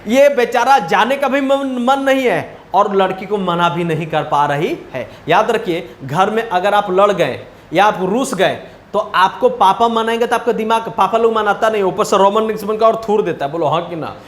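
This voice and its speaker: A man's voice: high-pitched, moderate pace, hardly any pauses, reverberant. A man teaching a class, retelling a story in a chatty way and often asking whether the students follow. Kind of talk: storytelling lesson retelling a chapter.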